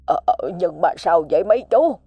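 A woman's voice: fairly low pitch, expressive, moderate pace, dark tone, slightly rough, no echo, faint music behind. A woman voicing a poor, frightened elderly father who stammers and begs. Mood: pleading. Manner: stammering, pleading.

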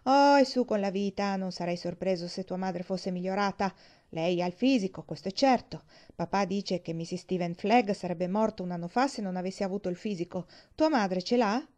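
A woman's voice: medium pitch, moderate pace, hardly any pauses, a little mellow, lightly acted. A woman reading aloud, voicing a blunt, chatty boy who speaks in an offhand way. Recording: dull lo-fi recording.

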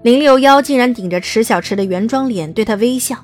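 A woman's voice: on the high side, a little fast, soft background music. A woman reading scripted narration as the narrator of a dramatised audiobook.

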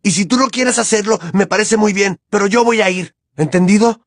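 Man voicing a teenage boy wizard, heated, defiant, shouting, high-pitched. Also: fast, no room sound, studio quality, lightly acted. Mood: angry, insistent. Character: angry teenage boy wizard, stubborn and desperate.

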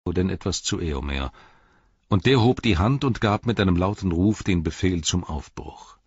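A man narrating an audiobook in a calm, even reading. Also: low-pitched, moderate pace, husky, no echo, dull audio. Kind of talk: scripted narration.

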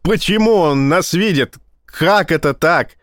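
A man voicing a hot-tempered male police vice-admiral who swears in loud, agitated outbursts. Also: fairly high pitch, a little slow, no echo, studio quality, voice pushed up.

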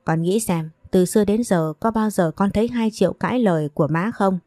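A woman's voice: mid-range voice, fairly quick, dark tone, dry recording, clean studio sound, lightly acted. A woman voicing a bitter, domineering older mother who scolds and wails in self-pity. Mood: spiteful.

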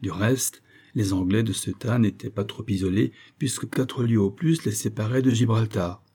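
A man reading a classic novel aloud as an audiobook narrator, plain and steady, with little change of voice for quoted dialogue. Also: on the low side, normal speed, slightly rough.

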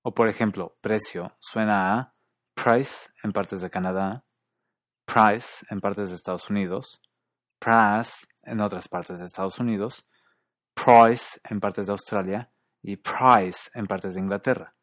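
A man narrating a scripted lesson on English accents, calmly demonstrating vowel sounds. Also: deep voice, moderate pace, no room sound, clean studio sound. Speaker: host of a linguistics video series.

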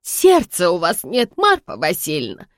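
A woman's voice: lowish voice, huge pitch swings, normal speed, no room sound, studio quality. A woman doing a fretful old housekeeper. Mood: fretting. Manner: fretful, clucking, emphatic. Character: fussy old housekeeper, doting, superstitious worrier.

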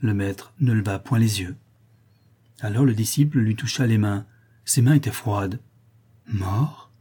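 A man narrating a classic tale as an audiobook in a measured, solemn manner. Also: lowish voice, dark tone, slightly rough.

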